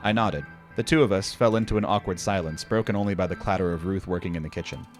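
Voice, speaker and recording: An older man gives wry, profane horror story narration. His voice sits deep and low. Faint eerie music plays underneath. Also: fast.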